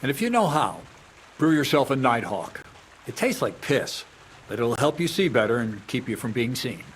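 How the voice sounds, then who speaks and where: An actor playing a blunt, coarse medieval thief who lectures on stealing, in a video game. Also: male voice, medium pitch, big pitch swings, moderate pace, slight background noise, lightly acted. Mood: lecturing. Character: gruff older male medieval thief, blunt and crude.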